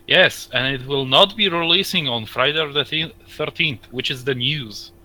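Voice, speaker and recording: A man's voice: fairly high pitch, normal speed, bright, forceful tone. A man co-hosting a casual gaming news podcast, joking along in a put-on Russian accent. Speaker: podcast co-host.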